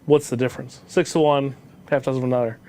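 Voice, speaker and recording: A male co-host in casual chat, tossing in quick jokes and quips. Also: mid-range voice, fairly even intonation, dark tone.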